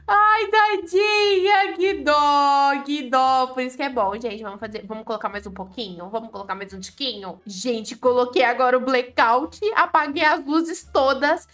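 A Brazilian woman gaming YouTuber gives excited, playful commentary with dramatic exclamations while playing a game. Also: a little high, brisk, few pauses. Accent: Brazilian Portuguese.

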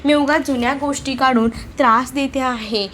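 Woman reading as a gentle young wife. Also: sits high, fairly even intonation, moderate pace, slight background noise.

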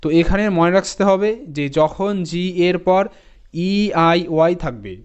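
A man with a slightly high, smooth, resonant voice leads a phonics lesson. He spells each word letter by letter, repeats it slowly, and checks in with his students. The recording sounds a little dull and muffled. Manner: addresses students directly with "ঠিক আছে?". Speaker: English teacher.

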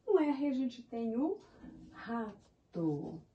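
Slow, lively-voiced Brazilian woman teacher. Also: on the high side, distant mic, lo-fi sound, slight background noise. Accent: Brazilian Portuguese. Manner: encouraging, spells words out in syllables. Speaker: primary school teacher. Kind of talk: slow, syllable-by-syllable lesson for young children.

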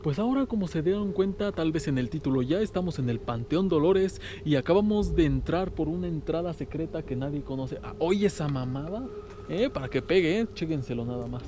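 Filming a casual nighttime exploration vlog outside on his phone, a Mexican-accented host in his twenties tosses out short bits of slang. His voice is a little high, expressive and a bit fast, and the recording is noisy.

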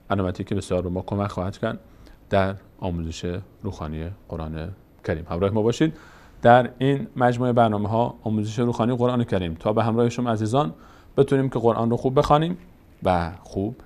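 A man teaching basic Quran reading, sounding out each letter slowly and then saying the whole word. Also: on the low side, darkish tone. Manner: spells letters one by one, then says the word. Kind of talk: slow spelling drill lesson.

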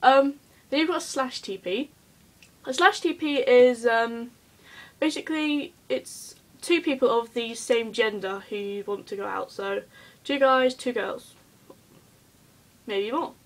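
A young-sounding woman talks straight to camera in a casual vlog. Her voice sits a little high, and she is hyper and giggly, rambling from one thought to the next with plenty of ums. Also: slow, rough recording. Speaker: vlogger.

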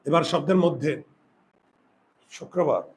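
A male teacher giving a grammar lesson, asking his students questions and slowly repeating words for them. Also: a little high, a little hiss or hum. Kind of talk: classroom lesson.

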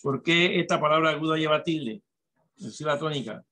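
A man's voice: fairly high pitch, brisk, pushed and bright. Man teaching, often asking "¿verdad?". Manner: instructive, repeats and checks with "¿verdad?". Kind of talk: classroom dictation.

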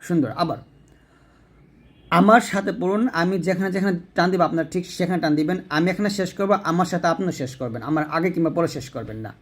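A fairly high-voiced man leading a Quran recitation lesson. He explains each letter patiently and then chants the phrases slowly, stretching the long vowels for his listeners to repeat.

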